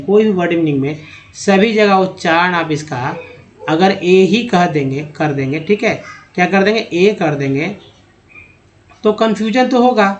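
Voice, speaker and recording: A man teaching English pronunciation from slides, spelling out letters one by one and stopping to ask the viewer questions. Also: sits high. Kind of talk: slide-based pronunciation lesson.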